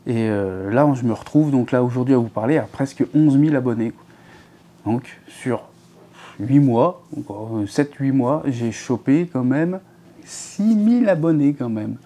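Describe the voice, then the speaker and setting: A man in his thirties with a medium-pitched, dark voice hosts a fishing channel, talking to viewers from an armchair in his living room. He's animated yet unhurried, rambling casually with many fillers and restarts.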